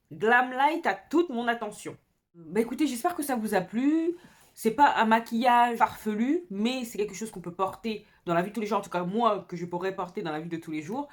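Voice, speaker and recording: Chatty woman vlogging her makeup. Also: mid-range voice. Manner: chatty, enthusiastic, addresses viewers directly. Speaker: beauty vlogger. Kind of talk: casual makeup tutorial chat.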